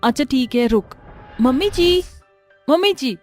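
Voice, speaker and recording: A woman voicing a cruel, scornful young daughter-in-law in a storybook tale, with a shrill, sneering manner. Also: expressive, a little slow, a little mellow, soft background music. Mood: casual. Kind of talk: storybook voice acting.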